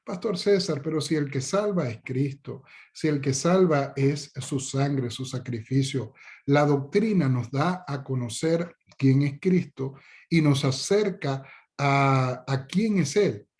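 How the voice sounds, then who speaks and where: A man's voice: medium pitch, slow pace, a little mellow. A man, a pastor giving a conversational Bible lesson, informal and joking, with many fillers and restarts. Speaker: pastor teaching a discipleship class.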